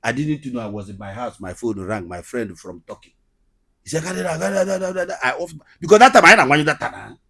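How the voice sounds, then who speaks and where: A man's voice: mid-range voice, big pitch swings, fairly quick, fairly bright tone, slightly rough. A man with a Nigerian Igbo accent, telling his story as an interview guest and repeating phrases emphatically. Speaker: guest, comedian and skit maker.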